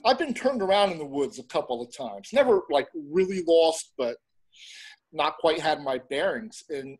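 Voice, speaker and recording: A middle-aged man chatting casually as an interview guest, rambling a little and pausing as he goes. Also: on the high side, animated, husky, rough recording. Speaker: interview guest, horror host and film reviewer.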